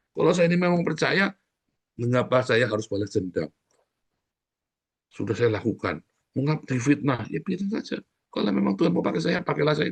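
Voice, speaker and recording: A man's voice: fairly high pitch, gravelly. A middle-aged man preaching a sermon as pastor, exhorting the congregation directly and repeating his key phrases over and over.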